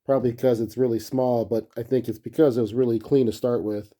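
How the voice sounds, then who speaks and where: A man's medium-pitched, mellow voice stays steady and moves a little fast as he, a collector, reviews a gadget. He's casual and spontaneous, working through his thoughts aloud.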